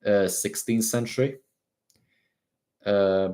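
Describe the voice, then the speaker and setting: A man's voice: lowish voice, steady tone, slow pace, warm tone. A young Swedish man with a Swedish-tinged British accent, answering viewer questions on a casual livestream and talking hesitantly with many fillers and restarts. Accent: Swedish-tinged British English. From Sweden.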